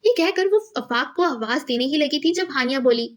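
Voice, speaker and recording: A woman reading a novel aloud as an audiobook narrator, steady and measured. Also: high voice.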